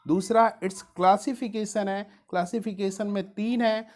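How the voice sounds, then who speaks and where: In a mid-range, slightly mellow voice with fairly even intonation, a woman teaches physics as an exam study guide, moving at a normal pace. Addressing dear students, she blends English scientific vocabulary into her explanation of how to study the chapter and keeps emphasizing key topics.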